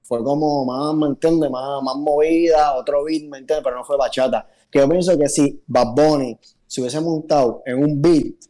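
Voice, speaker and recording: A man's voice: on the high side, fairly even intonation, normal speed, mellow. A Puerto Rican man on a podcast, chatting in a laid-back way and often checking that you follow him. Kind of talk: casual podcast chat.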